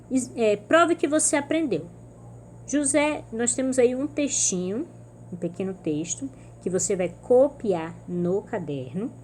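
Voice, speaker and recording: A primary school teacher with a Brazilian Portuguese accent records a remote lesson for young pupils, patiently explaining step by step and stressing syllables in example words. Her voice is a little high and dark, with a slight hiss or hum.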